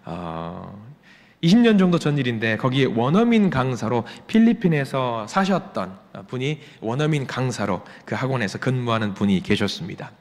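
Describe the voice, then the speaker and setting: A man's voice: medium pitch, very animated, moderate pace, darkish tone. A male pastor in his forties preaching a sermon, repeating rhetorical questions with emphasis. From Jeolla region, Korea. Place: church sanctuary. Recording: long church hall reverb.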